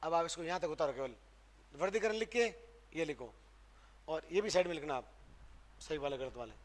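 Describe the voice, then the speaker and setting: A man from Rajasthan, India, teaches grammar to a live class in a fairly high, lively voice at a slightly quick pace. He keeps throwing questions at his students and answering them himself, stressing and repeating sounds to show how they're pronounced in this classroom lecture.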